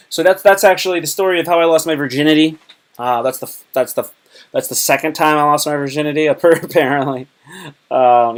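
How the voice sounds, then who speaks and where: A young man live streaming, telling crude, joking stories in a rambling way full of fillers and restarts. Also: mid-range voice. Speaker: live streamer and stand-up comedian. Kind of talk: casual live-stream storytelling.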